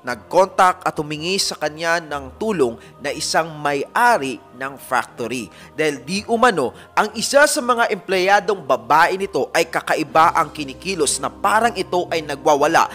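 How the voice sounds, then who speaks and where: A man's voice: fairly high pitch, animated, normal speed, pushed and bright, soft background music. A man narrating a supernatural tale and speaking directly to his listeners as a group. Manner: addresses listeners as a fan group, dramatic retelling. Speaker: narrator of a paranormal story channel. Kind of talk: storytelling narration.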